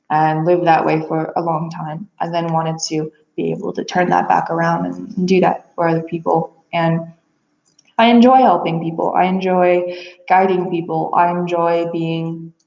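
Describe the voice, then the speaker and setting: A woman adopted from Bulgaria, who hopes to become a therapist and psychic reader, speaks in a fairly low, slightly mellow voice. Her monologue about herself is casual, earnest, rambling and introspective, recorded in an echoey room with slightly dull sound.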